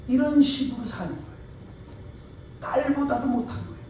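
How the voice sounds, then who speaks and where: Guy preaching a sermon, loud then soft, very echoey church, mic kinda far. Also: very high-pitched, normal speed, slight background noise. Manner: tells stories, acting out quoted voices; emphatic, swings between loud and soft. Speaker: pastor. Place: church sanctuary.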